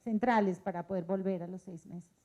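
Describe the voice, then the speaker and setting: A woman's voice: medium pitch, fairly even intonation, brisk, dark tone, muffled recording. Colombian woman moderating a panel. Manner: conversational, posing questions. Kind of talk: panel discussion.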